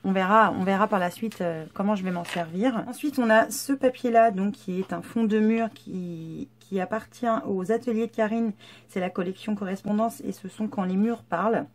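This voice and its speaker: A woman's voice: medium pitch, normal speed, slight background noise. A woman vlogger casually presenting scrapbooking papers, chatty and hesitant with many fillers. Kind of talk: casual haul show-and-tell.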